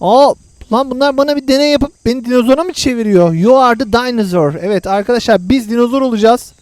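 A man hosts a gaming channel, narrating the action in a chatty, excitable way for his viewers while teasing the friend he's playing with. His voice is extremely high and fast, with no room sound.

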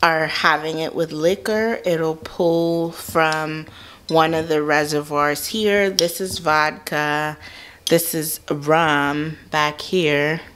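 A woman's voice: sits low, fairly even intonation, slow pace, a bit bright, a little hiss or hum. A woman narrating a home tour of her basement in a casual, gushing way with frequent ums.

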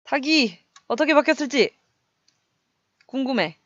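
A young woman casually commenting on her gameplay, chatty and excitable, making little sound effects as she fights. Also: high voice, measured pace, no room sound, muffled recording. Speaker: game streamer.

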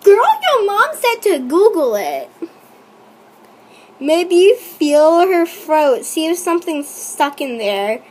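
A young woman reacting to a texting game she reads aloud, with excitable, teasing and exasperated commentary. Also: extremely high pitch, slow. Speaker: YouTuber playing a chat-story app.

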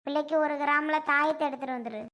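A woman playing a fussy, sharp-tongued old grandmother, scolding and complaining in a family comedy skit. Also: sits high, fairly even intonation, fast. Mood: bossy.

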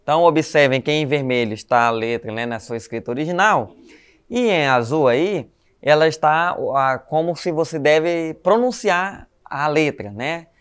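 A man's voice: fairly high pitch, a bit bright, clear, resonant tone. A man with a Brazilian Portuguese accent teaching a Spanish class to schoolchildren, explaining patiently and tagging sentences with "né?" and "tá?". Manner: explanatory, frequent "né?" and "tá?" tags; calls students "galerinha", spells letters slowly. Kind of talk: recorded online class for schoolchildren.

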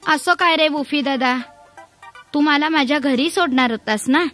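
A woman's voice: high-pitched, normal speed, fairly bright tone, faint music behind. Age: child. Figure: a woman voicing a frightened little girl in a storybook. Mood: pleading. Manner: pleading, childlike. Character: scared but clever little girl.

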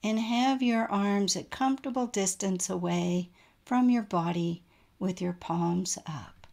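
This yoga nidra teacher's medium-pitched, creaky voice guides listeners through a relaxation meditation. She keeps her manner soft and calming, letting long, unhurried pauses settle between phrases.

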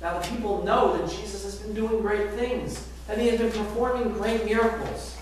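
A middle-aged man preaching a sermon as pastor, animated, asking the congregation rhetorical questions. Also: high-pitched, moderate pace, a little hiss or hum. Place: large church sanctuary, indoors. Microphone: far camera at back of church. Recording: very echoey sanctuary from far off.

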